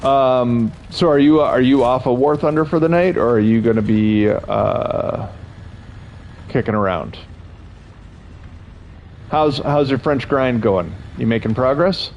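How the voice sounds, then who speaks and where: A man's voice: mid-range voice, a little slow, pauses often, a little mellow. A young man chatting casually with his stream chat while playing, rambling and amused at himself. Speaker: gaming streamer. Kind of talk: casual gameplay commentary. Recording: slightly dull, faint game noise.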